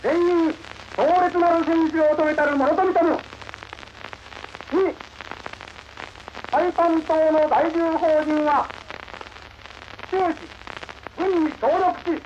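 Slow announcer on an old newsreel broadcast. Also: very high-pitched, fairly even intonation, darkish tone. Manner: slow, measured, ceremonial reading. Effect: old 1940s radio broadcast heard as archive sound. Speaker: radio announcer. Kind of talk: official wartime bulletin reading. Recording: muffled old broadcast with faint hiss.

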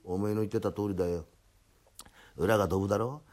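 Man doing a deadpan broke tenant. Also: fast talker, close to an everyday voice. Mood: grumbling calmly. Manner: low, unbothered, deadpan. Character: lazy deadpan male tenant, broke carpenter. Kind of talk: comic storytelling.

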